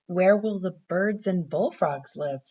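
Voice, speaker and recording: A woman reads as a boy's mother in a bedtime storybook, practical and gently questioning. The sound is slightly muffled. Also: on the low side, takes it slowly, husky. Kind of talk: bedtime story read aloud.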